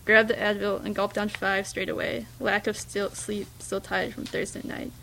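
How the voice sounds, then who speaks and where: A woman reading a first-person story aloud, in a hushed, reflective way with small slips and restarts. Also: medium pitch, little pitch movement, normal speed, gravelly, a little hiss or hum, poor audio. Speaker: reader.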